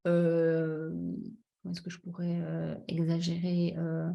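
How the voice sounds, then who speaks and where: A woman's voice: on the low side, monotone, slow pace, creaky, highs cut off. A woman coach giving a talk on emotions in French, speaking directly to her audience with frequent fillers and restarts. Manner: hesitant, many restarts and fillers; addresses audience directly, checks understanding. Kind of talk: conference talk, personal examples.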